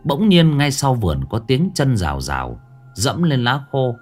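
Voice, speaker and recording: A man narrates a ghost story in a folksy way. His pitch rises and falls in a lively way. He keeps a homely, storytelling tone. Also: unhurried, faint music behind.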